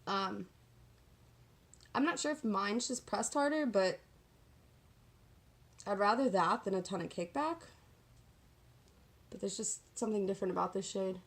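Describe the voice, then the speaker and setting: A woman's voice: mid-range voice, a little slow, pauses often. A woman giving a casual, chatty get-ready-with-me makeup tutorial, talking in a sassy, slangy, self-deprecating way. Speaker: makeup vlogger.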